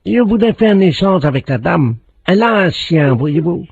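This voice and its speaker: A man's voice: high voice, expressive, normal speed, creaky, husky, exaggerated voice. A man playing a polite, brazen door-to-door peddler from Beijing, eagerly selling over a landline phone in a prank call. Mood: unbothered, insistent. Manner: polite, eager sales patter with repetitions. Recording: muffled landline phone with hiss.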